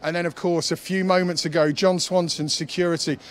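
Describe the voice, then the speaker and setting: A man rounds off an event broadcast with urgent, emphatic energy, pressing viewers to go and watch. His voice sits a touch high, and he sounds short of breath. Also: little pitch movement, fairly quick. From United Kingdom. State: running out of breath. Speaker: event TV host. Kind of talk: energetic event wrap-up presenting.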